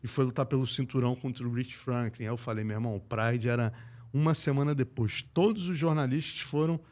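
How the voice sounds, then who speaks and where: A man from Brazil, an MMA journalist, telling stories in a lively, slangy way on a casual podcast. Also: medium pitch, fairly quick. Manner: animated, slangy, acts out quoted voices.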